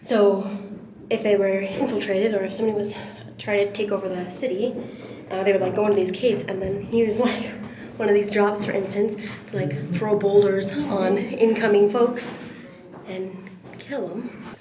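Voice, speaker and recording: A woman's voice: mid-range voice, fairly even intonation, normal speed, recorded from a distance, noisy background. A woman vlogging in a casual, chatty way as she walks through narrow cave tunnels, explaining what she learned, her voice echoing off the rock. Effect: cave echo. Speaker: travel vlogger. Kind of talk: casual travel vlog chat. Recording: echoey cave with people around.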